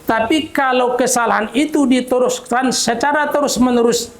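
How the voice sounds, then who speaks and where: A man preaching to a gathering, telling a story in a calm, measured way. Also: reverberant. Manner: calm, measured, quotes voices in a lower tone. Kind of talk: sermon with storytelling.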